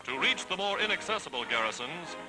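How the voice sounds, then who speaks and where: A man delivers old 1940s newsreel narration in a high, ringing voice. His announcer delivery is emphatic and declamatory. Loud orchestral music plays beneath him. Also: lively intonation, quick pace, low-quality recording.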